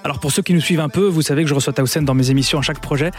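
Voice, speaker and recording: A man's voice: on the high side, racing, soft background music. A man hosting a radio interview show in an upbeat, friendly way. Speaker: radio host. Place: radio studio.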